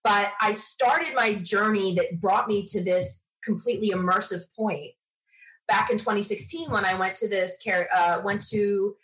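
An American woman is an enthusiastic podcast interview guest, chatting casually and sharing animated anecdotes. She speaks at normal speed with a medium pitch and a fairly bright tone, though the recording quality is low.

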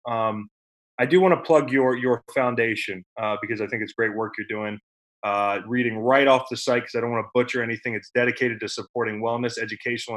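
A man in his thirties hosts a podcast interview. He talks in a loose, conversational way with plenty of fillers and sounds openly admiring. His voice sits at an ordinary middle pitch. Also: a bit bright. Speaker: podcast host. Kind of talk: casual interview chat.

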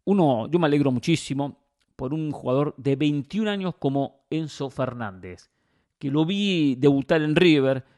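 A man's voice: fairly high pitch, animated, normal speed, darkish tone, no echo. A man giving opinionated football commentary as a host, emphatic and fond of rhetorical questions and repetition.

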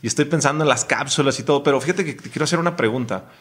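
A man's voice: mid-range voice, racing, fairly bright tone. A man with a Mexican accent hosting a casual podcast chat, teasing and slangy, laughing a lot. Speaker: podcast host.

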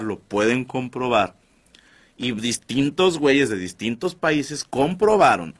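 A man tells comic stories on his podcast, loose and full of crude slang. His voice sits fairly high and swings widely in pitch. The tone is bright and sharp. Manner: crude slang, animated, addresses listeners as brothers. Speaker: podcast host. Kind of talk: comedic storytelling monologue.

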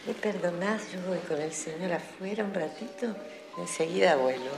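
A woman's voice: fairly low pitch, expressive, moderate pace, vocal fry. An actress playing a confused elderly mother in a care home, with an Argentine accent, talking in a muddled, fussy way. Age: older. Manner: muddled, fussy, sudden bursts of swearing. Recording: film soundtrack with music.

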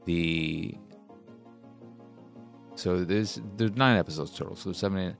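Podcast host, man in his thirties, deep and gravelly, loose and crude, with faint music underneath. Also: slow. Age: 30s. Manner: loose, rambling and crude, with playful silly voices. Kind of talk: casual solo podcast chat.

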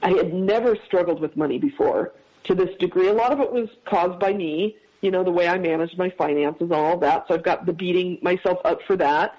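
A man as a podcast guest, telling a personal story in a heartfelt, halting way with many restarts. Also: high voice. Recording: dull lo-fi sound.

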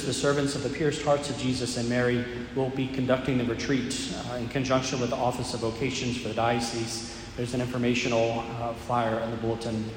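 American guy priest talking at mass, average pitch, huge cathedral echo on everything. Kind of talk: liturgical reading, church announcements and sermon. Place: large church interior. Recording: very echoey church, long reverb, faint noise.

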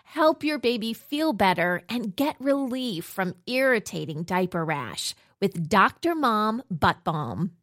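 A woman giving a chatty, expressive read of a scripted commercial. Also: medium pitch, slow, hardly any pauses, no echo, studio quality. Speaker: ad reader.

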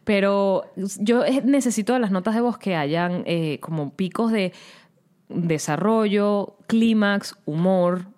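A woman's voice: mid-range voice, slow pace, darkish tone. A woman with a Venezuelan accent co-hosting a casual podcast chat, telling stories expressively and swearing casually. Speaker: podcast co-host.

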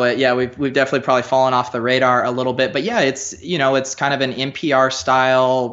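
A man chatting as a podcast guest, loose and easygoing, with frequent "you know"s. His voice sits at a middle pitch. The recording sounds a little dull and lo-fi. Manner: relaxed, loose, lots of you-knows. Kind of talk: casual podcast chat.

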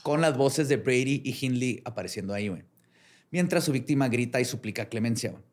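Relaxed Mexican man telling a story. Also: medium pitch, a little fast. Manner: relaxed slangy narration, ends phrases with filler slang. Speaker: podcast host. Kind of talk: casual storytelling chat.

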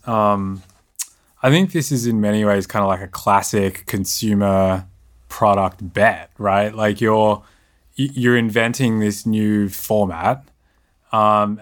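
A man investor questioning founders and thinking out loud about the business. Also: on the low side. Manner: thoughtful, reasoning aloud. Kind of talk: business pitch discussion.

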